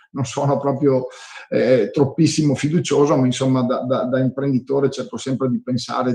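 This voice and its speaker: A man's voice: medium pitch, a little mellow, low-quality recording. Rambling Venetian Italian businessman. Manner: rambling, repeats words while searching for phrasing. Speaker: entrepreneur. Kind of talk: casual spoken commentary.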